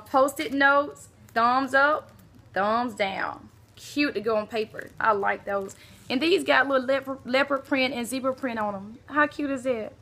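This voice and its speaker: Woman vlogger, bright, slightly high voice, excitable and gushing, casual unboxing chat. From Alabama. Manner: gushing, exclaims often, talks to viewers as y'all. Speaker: beauty vlogger. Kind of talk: casual mail swap unboxing.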